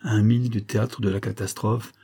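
A man narrating a classic novel as an audiobook, in a measured storytelling manner. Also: fairly low pitch, flat delivery, creaky, dark tone, husky. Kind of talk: scripted narration.

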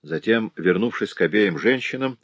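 A man reading a novel aloud in a dramatic, animated audiobook narration. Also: lowish voice, normal speed, no room sound. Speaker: audiobook reader.

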